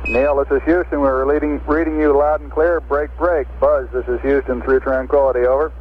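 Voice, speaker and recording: A man's voice: medium pitch, little pitch movement, a little fast. A man working as mission control radio operator, speaking in terse, methodical radio procedure over a radio link. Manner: terse, methodical call-and-response. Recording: tinny, narrow-band radio with faint static.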